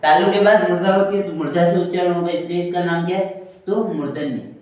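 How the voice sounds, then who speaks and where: A man's voice: sits high, fairly even intonation, quick pace, darkish tone. A man teaching a grammar lesson, going over each point again and again and answering his own questions. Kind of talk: Hindi grammar lesson, explaining slowly with repetition. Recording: very echoey room, distant from the mic.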